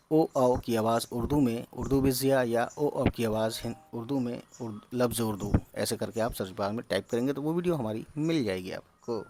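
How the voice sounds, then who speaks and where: Male teacher, slow patient spelling drills, English words slipped in. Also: on the low side, darkish tone. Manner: slow, patient syllable-by-syllable sounding out; mixes English words into explanations. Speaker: Urdu teacher.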